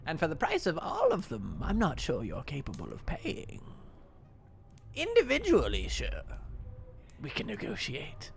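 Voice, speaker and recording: A man voicing a sly, mock-sweet old hag in a tabletop game, with a creaky crone's voice and drawn-out words. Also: a little high, a little hiss or hum, full character voice. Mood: haughty, taunting. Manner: slow, drawn-out, mock-sweet "dearie" talk. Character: sly old hag woman bargaining over curses. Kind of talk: in-character tabletop role-play.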